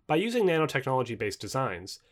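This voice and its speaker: This is a male narrator of a non-fiction book, reading its formal prose like an audiobook from a script. Quick and clearly enunciated, his delivery rides on animated pitch movement.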